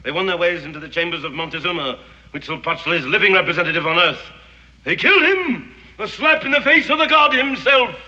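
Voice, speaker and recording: An actor playing a grandiloquent English gentleman devoted to a sun god, telling a curse with formal, theatrical diction in a 1960s TV western drama. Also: high-pitched, animated, a little fast, exaggerated voice. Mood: ominous. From England. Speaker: fanatical Englishman guarding Aztec gold. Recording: echoey, dull 1960s TV soundtrack.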